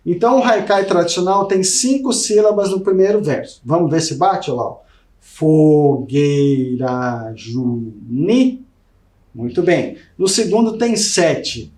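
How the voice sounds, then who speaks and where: A man's voice: high-pitched, a little mellow, echoey room. A Brazilian man teaching a recorded video lesson, explaining to students and often checking in with them. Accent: Brazilian Portuguese. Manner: explanatory, addresses students directly with frequent "né?".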